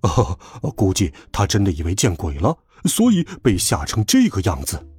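Man voicing a laid-back dad, low and husky. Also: normal speed, no room sound, full character voice. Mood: calm. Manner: low, calm, chuckling. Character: amused adult father, calm.

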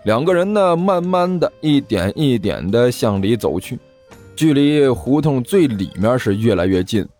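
A male storyteller reading a serialized audiobook with a lively, swinging delivery and a mid-pitched voice. His dramatic narration builds tension, with faint music underneath. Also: a little slow.

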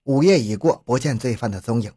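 A man reading a true-crime story as narrator in a steady storytelling delivery. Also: mid-range voice, brisk, husky, no echo, studio quality.

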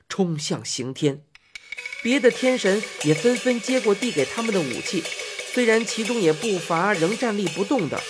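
A woman narrating a children's fantasy story expressively, voicing sound effects. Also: medium pitch.

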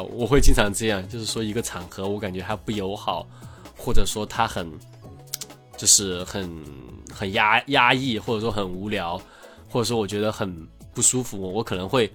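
A man hosting a podcast, chatting casually in a relaxed, rambling way that trails off quietly at the ends of his thoughts. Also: on the low side. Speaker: podcast host. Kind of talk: casual chat.

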